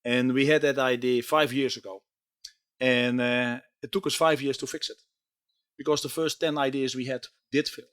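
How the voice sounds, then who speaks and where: A man's voice: medium pitch, steady tone, moderate pace, a bit bright, smooth. A man being interviewed at a trade show who speaks earnestly, with many fillers, his voice strained from a day of talking. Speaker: company technology chief. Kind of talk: conversational interview.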